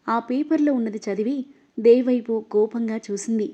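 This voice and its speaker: A woman reading an emotional novel aloud as narrator, voicing every character herself and getting louder in the angry lines. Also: on the high side, moderate pace. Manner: reads all the characters, her voice rising louder in angry lines. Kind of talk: scripted story narration. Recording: dull, lo-fi audio.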